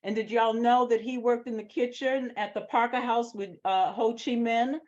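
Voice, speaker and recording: An American screenwriter from Boston, United States, answers questions after a script reading, speaking emphatically and passionately. Her voice is fairly high and slightly mellow, with fairly even intonation at a moderate pace. The audio sounds dull and lo-fi.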